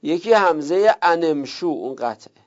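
A man's voice: on the high side, animated, lo-fi sound. A man teaching a recorded lesson, explaining step by step and repeating examples.

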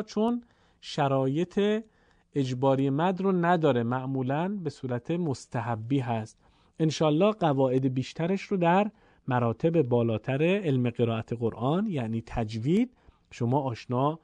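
A man teaching a Quran reading lesson, explaining patiently and drawing out his recited examples slowly. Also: fairly high pitch, dark tone, dry recording. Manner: slow, stretched chanted recitation of examples.

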